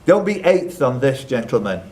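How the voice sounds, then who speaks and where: A man running a live quiz reads out questions and tosses jokey, teasing asides to the contestants. His mid-range voice has a sing-song, darkish quality at a moderate pace, and he serves as both quiz host and question reader.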